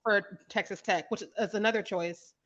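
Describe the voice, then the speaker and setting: A woman from Kansas City on a podcast, telling stories in a casual, animated way and laughing often. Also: mid-range voice, moderate pace, dull audio. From Kansas City, Missouri, US. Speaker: podcast guest, playwright.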